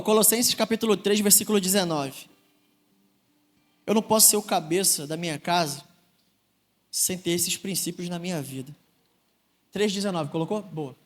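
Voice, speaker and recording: A young man with a Rio de Janeiro Brazilian accent preaching a sermon, telling earnest personal stories with rising emphasis. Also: high-pitched. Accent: Brazilian Portuguese, Rio de Janeiro. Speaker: deacon preaching. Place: large church hall. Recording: long church reverb.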